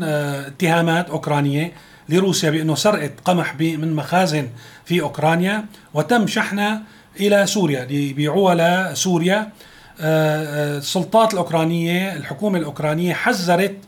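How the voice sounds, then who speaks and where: A man with a Syrian accent delivers a rapid news commentary, racing through his points. His voice sits a little high for a man, and he slips sarcastic, chatty asides into the rundown. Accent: Syrian Arabic. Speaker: political commentator.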